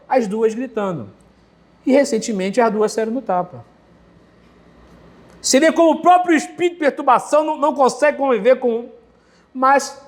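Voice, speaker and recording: High-voiced Brazilian pastor preaching. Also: male voice. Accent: Brazilian Portuguese. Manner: animated preaching with vivid anecdotes, acted quotes. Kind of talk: sermon.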